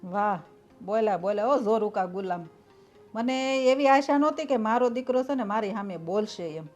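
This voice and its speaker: A woman playing a defensive, sharp-tongued mother-in-law in a family drama. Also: medium pitch, expressive, moderate pace, faint music behind, close to an everyday voice. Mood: scornful. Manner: scornful, argumentative.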